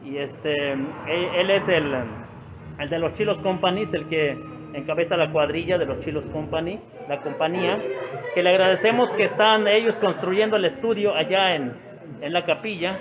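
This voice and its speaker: A high-voiced man with a Mexican Spanish accent speaks at normal speed while filming an open-air roadside restaurant, casually narrating, calling out greetings to people by name, and repeating himself. The vlog's audio is dull, with a crowd in the background.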